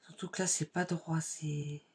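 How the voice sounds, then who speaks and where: A woman hosting a card-making tutorial at her home craft table, explaining each step in a chatty, unhurried way with many fillers. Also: low-pitched, fairly even intonation, slight background noise.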